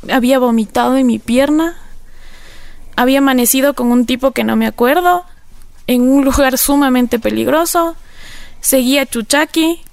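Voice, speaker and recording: A woman telling her personal story to an interviewer in an earnest, reflective way, often pausing on filler phrases. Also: sits high, vocal fry, a little mellow, no room sound. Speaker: interview guest. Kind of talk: personal testimony in conversation.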